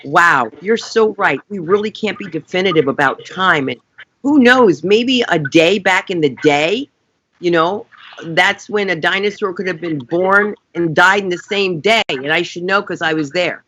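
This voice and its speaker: Female guest, bright edge, teasing comic. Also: fairly low pitch, measured pace. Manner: jokey, teasing. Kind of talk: casual chat.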